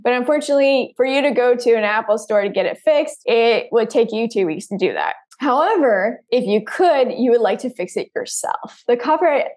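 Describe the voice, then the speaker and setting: A woman's voice: a little high, darkish tone. A woman with an American accent, a guest in an interview, explaining laws at length with everyday examples and laughing often. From United States. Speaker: guest, security researcher. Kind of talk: casual interview talk.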